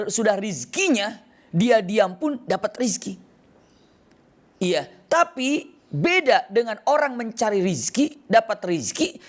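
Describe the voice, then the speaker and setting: A male preacher telling a story in a sermon, acting out the characters' lines with lively shifts. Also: high voice.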